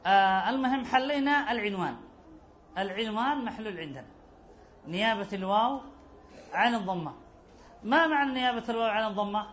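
A man's voice: sits high, expressive, a little fast, long pauses, a bit bright, slight background noise. A man teaching an Arabic grammar lesson. He repeats key phrases and asks his class rhetorical questions. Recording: dull lo-fi recording.

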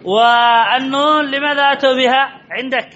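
High bright male grammar teacher. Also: steady tone, moderate pace. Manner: questions students by name, teasing, repetitive drilling. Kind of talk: classroom lesson. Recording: dull lo-fi recording.

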